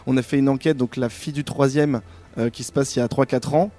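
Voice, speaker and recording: Guy talking fast in an interview, mellow voice, lots of euh and restarts. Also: medium pitch, steady tone. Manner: hesitant, many fillers and restarts. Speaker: game designer guest. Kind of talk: casual interview talk.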